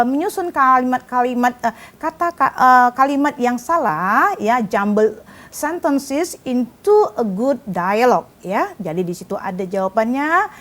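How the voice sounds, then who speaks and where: High-voiced woman teaching a class. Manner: explains in Indonesian, switching often into English; addresses students directly, patient teacherly tone. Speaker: vocational school English teacher. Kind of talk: televised online class lesson.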